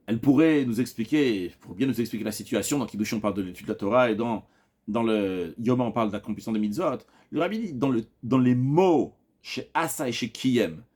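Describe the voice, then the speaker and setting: A man's voice: medium pitch, husky. A man giving a Talmud class, walking through the reasoning point by point. His voice rises and falls widely, leaping up on questions. He often restarts a phrase mid-sentence. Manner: explanatory, lively rising questions, frequent restarts. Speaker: Talmud teacher. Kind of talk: Talmud lesson.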